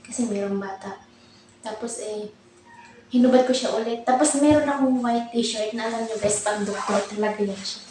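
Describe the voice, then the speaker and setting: A woman's voice: fairly high pitch, moderate pace, mellow, a little hiss or hum. Breathless chatty woman in an echoey room. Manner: chatty, rambling, self-laughing. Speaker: vlogger, overseas domestic worker. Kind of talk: casual chatty vlog. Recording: echoey room, mic at a distance.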